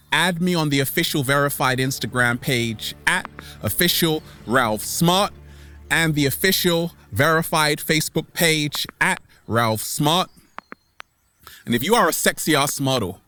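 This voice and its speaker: This is a man speaking as an online host in a fairly high, pushed, bright voice, giving a catchphrase-heavy motivational monologue straight to camera. The delivery is theatrical and exclamatory, with elongated words and sudden swoops, over background music.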